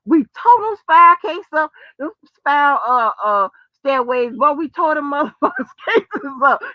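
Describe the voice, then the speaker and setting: High-voiced and very animated, this American host talks a little slowly, with no echo on a dull lo-fi recording. Her chat to viewers and phone callers is casual, rambling and profane, full of drawn-out exclamations and folksy nicknames.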